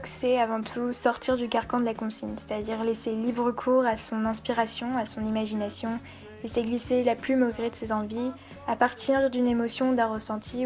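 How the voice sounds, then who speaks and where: A woman's voice: a little high, a little mellow. A woman explaining her thoughts on writing in an articulate, literary, carefully phrased way. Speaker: blog writer.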